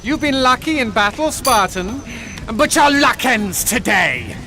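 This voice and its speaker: Game cutscene, taunting god, high pitch, slow, music bed. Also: male voice, animated, exaggerated voice. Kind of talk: video game dialogue. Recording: game audio with loud music.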